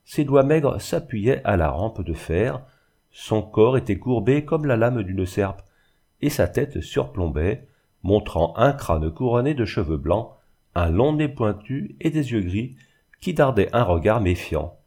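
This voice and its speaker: Dark-voiced male audiobook narrator. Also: fairly low pitch, big pitch swings, measured pace. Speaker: audiobook reader. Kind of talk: scripted narration of a novel.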